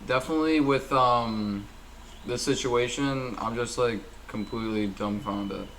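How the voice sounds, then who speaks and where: A man's voice: medium pitch, a little slow, fairly bright tone, a little hiss or hum, rough recording. A man co-hosting a podcast, chatting casually in an earnest, opinionated way. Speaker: podcast co-host. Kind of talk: casual chat.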